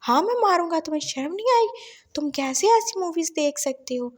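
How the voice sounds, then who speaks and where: A woman's voice: extremely high pitch, animated, fairly quick. A woman voicing a drunk, childish young husband who whines and pleads like a little boy. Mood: scolding. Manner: whiny, babyish pleading.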